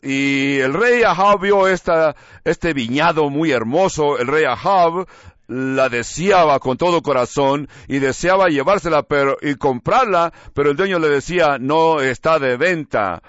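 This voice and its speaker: Man, preacher, sermon, slow emphatic delivery, slightly high voice, dry muffled sound. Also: a bit bright, no echo.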